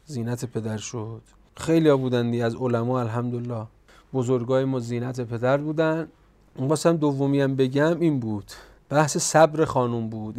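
A man preaching a religious sermon, reciting Arabic verses and swinging between quiet reflection and loud, scolding exhortation. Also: medium pitch.

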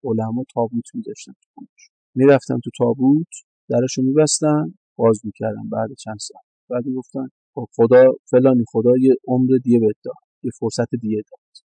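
A man's voice: medium pitch, steady tone, gravelly, warm tone, breathy edge, dry recording, poor audio. A middle-aged man, preaching a sermon, often repeating phrases for emphasis and quoting Arabic. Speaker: cleric.

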